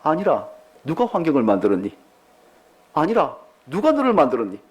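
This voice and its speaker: A man's voice: wildly swooping pitch, fairly quick. A man preaching and voicing God as a commanding divine father who fires off rebuking questions. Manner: booming, rebuking rhetorical questions.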